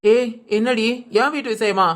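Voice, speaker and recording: A woman acting a sharp-tongued old village grandmother who scolds and threatens in a gruff way. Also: on the high side, moderate pace, close to an everyday voice. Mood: grumbling. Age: older.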